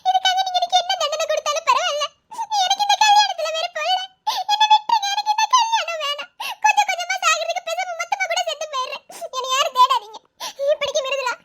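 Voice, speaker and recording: A tearful young bride from a cartoon story, done by a single voice actor. Her voice sits extremely high and thin, and she pleads and apologises as she reads out her letter. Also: very fast, pushed and bright, dry recording, clean studio sound. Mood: pleading. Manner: reading her farewell letter aloud, pleading.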